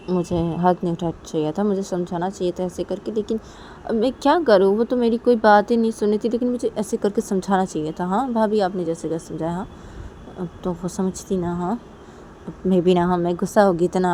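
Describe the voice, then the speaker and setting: Woman doing a sorry young woman, low mellow voice, apologizing and making excuses. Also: fairly even intonation, moderate pace, a little hiss or hum, natural voice. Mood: apologetic. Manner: apologetic, self-justifying.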